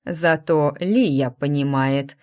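A scheming male necromancer , acted out by a woman reader, who takes his time over every word. His voice sits low and flat and is recorded up close with no room around it. He is cool and mocking in an audiobook. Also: no echo. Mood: calm, sly. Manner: slow, measured and mocking.

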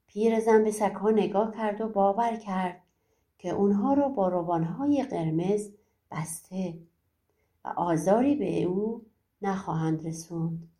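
A woman narrating a folk tale audiobook in a measured storytelling voice. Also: mid-range voice, dark tone.

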